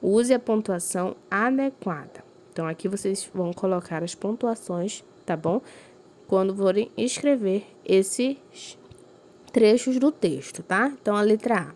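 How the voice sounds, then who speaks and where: A woman's voice: mid-range voice, a little mellow, slight background noise. A woman teacher giving a recorded lesson to young pupils, explaining patiently and checking in with them often. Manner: slow, clearly emphasized reading of examples.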